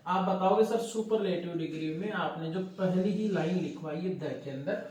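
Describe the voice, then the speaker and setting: Guy teaching english grammar, kinda high voice, super echoey room. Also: a little mellow, distant mic. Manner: addresses viewers as dear children, asks and answers own questions. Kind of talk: classroom lesson to students.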